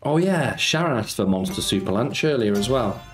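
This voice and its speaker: A man's voice: medium pitch, animated, normal speed. A middle-aged man from Nottingham, live-streaming and chatting casually, reading viewer messages aloud and greeting them with cheeky banter. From Nottingham, England. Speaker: slots streamer. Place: home streaming room, indoors. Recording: echoey room, faint background music.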